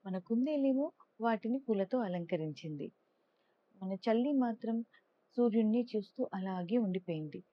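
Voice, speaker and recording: A woman narrating a children's storybook aloud in a lively, expressive way. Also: normal speed, dull audio. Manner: lively, expressive, raises pitch for characters' lines. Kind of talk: storybook narration with character voices.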